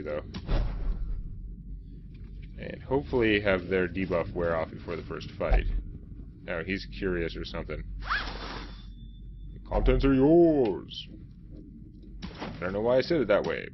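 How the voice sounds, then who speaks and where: A man's voice: low-pitched, expressive, brisk, pauses often, muffled recording, background noise. A man giving casual gameplay commentary as a let's play host, chatty and self-mocking as he thinks aloud. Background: game music.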